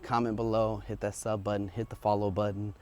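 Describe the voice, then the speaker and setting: His voice is fairly low, level in tone, brisk, and a little mellow. He's a vlogger testing audio gear outdoors, walking up a residential street and chatting informally while thinking aloud in a casual, unscripted vlog recorded on a wireless lavalier clipped to his shirt.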